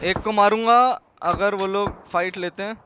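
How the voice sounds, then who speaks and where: A young man streaming a game live, chatting casually and giving shout-outs to viewers. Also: high voice, a little slow, heavy background noise. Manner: lively, reads out viewer names and gives shout-outs.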